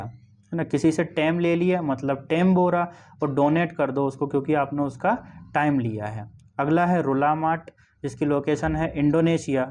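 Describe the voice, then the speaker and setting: Man teaching, fairly high voice. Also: a little mellow, slight background noise. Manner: explanatory, repeats phrases with frequent "है ना" checks. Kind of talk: exam-prep memory tricks lesson.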